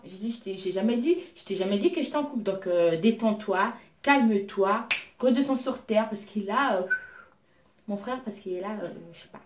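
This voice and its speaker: A woman chatting casually as she tells a story about her own life, retelling what she said with an indignant, lively edge. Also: medium pitch, slight background noise. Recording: roomy echo.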